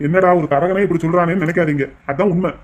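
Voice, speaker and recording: A man's voice: fairly high pitch, steady tone, fast talker, close to an everyday voice. A man voicing a talkative, persuasive middle-aged marriage broker in a cartoon.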